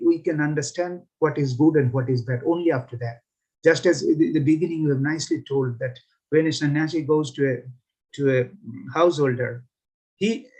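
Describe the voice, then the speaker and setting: A man's voice: medium pitch, darkish tone, poor audio. A man in a class audience thanking the speaker and earnestly explaining a devotional point. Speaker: class attendee commenting. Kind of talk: devotional comment.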